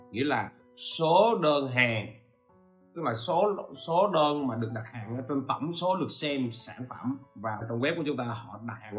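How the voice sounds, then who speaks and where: A man's voice: medium pitch, a bit bright. Man giving a chatty lecture. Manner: asks rhetorical questions and checks in with listeners. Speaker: podcast host teaching e-commerce. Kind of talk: informal spoken lecture.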